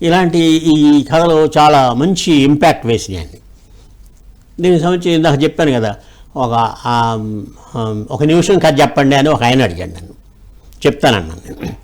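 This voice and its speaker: A man telling short moral tales with lively voice changes and mimicry. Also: fairly high pitch, normal speed. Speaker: storyteller guest. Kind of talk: animated storytelling.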